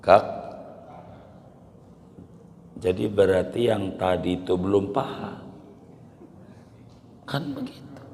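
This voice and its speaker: A hoarse man preaching, quizzing his listeners and repeating key phrases. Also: deep voice, slow pace, pauses often, a little mellow, a little hiss or hum. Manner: repeats phrases, quizzes listeners, colloquial Betawi-flavored Indonesian. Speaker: Islamic preacher. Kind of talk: lecture sermon with questions to the audience. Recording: long hall reverb.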